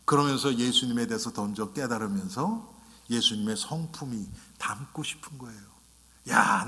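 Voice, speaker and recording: A male pastor preaching a sermon, animated and questioning, often speaking straight to the congregation and acting out quotes. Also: mid-range voice. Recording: long reverb of a church hall.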